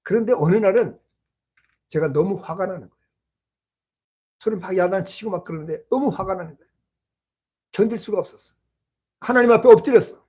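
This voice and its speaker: A pastor preaching a sermon in a small church, telling a personal story and swinging between loud exclamations and hushed asides. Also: mid-range voice, brisk, long pauses, husky.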